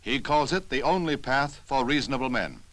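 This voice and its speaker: A man with an American accent narrates a 1960s newsreel in a formal, declarative announcer style, with music on the soundtrack and slight background noise. His mid-range voice is animated, fairly bright, and a little fast.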